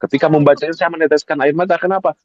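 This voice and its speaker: A man's voice: on the high side, steady tone, racing, darkish tone, no echo. A male Islamic preacher, giving an emphatic sermon that repeats key phrases and speaks straight to the congregation. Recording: dull lo-fi recording, dry.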